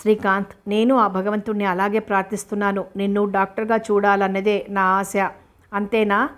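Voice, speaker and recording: Teasing young heroine, bossy at times, read by a woman; level, flat delivery. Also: mid-range voice, moderate pace, natural voice. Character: young woman, playful and teasing, quick to feign anger.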